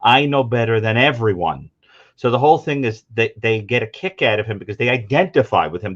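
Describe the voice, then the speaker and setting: A man with a fairly low voice gives his opinion as a panelist. He presses his point insistently. The recording sounds a touch muffled. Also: fairly bright tone.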